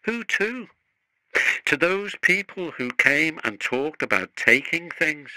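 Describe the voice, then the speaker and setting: Man putting on a high, eager little engine. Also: very animated, slow, pushed and bright, dry recording, exaggerated voice, poor audio. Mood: miserable. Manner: high, breathless and emotional. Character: eager excitable small male steam engine.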